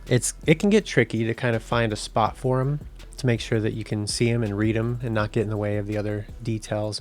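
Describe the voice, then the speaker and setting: A man in his thirties, a 3D game artist, narrating a tutorial voice-over in a relaxed, explanatory way. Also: lowish voice.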